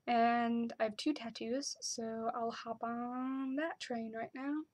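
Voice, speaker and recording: Chatty young woman, slightly high voice. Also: fairly even intonation, slow pace, darkish tone. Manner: chatty, frequent fillers like "like" and "um". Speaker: vlogger. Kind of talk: casual chat to camera.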